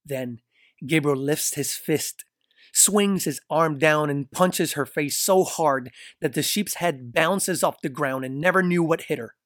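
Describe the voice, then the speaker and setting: A man reading a dark fiction story aloud in a steady, descriptive narration. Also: a little high, a little slow, dry recording, studio quality.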